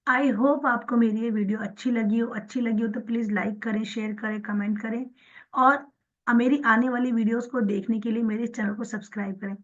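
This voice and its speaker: Soft-voiced woman guiding a money prayer. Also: a little high, steady tone, muffled recording. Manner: slow, soft repeated chanting of affirmations. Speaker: spiritual teacher. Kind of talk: guided prayer instruction.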